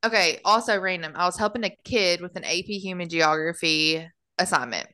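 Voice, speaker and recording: A woman's voice: on the low side, a little fast. A young woman from the United States co-hosting a podcast, telling stories in a dramatic, playful way. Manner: animated storyteller, dramatic and playful. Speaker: podcast co-host. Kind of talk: casual chat.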